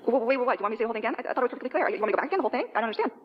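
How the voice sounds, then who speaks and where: A woman's voice: a little high, animated, racing, lightly acted. An actress playing a hot-headed female fire superhero who rambles with many fillers in a recorded interview. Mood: puzzled. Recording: dull muffled tape with faint hiss.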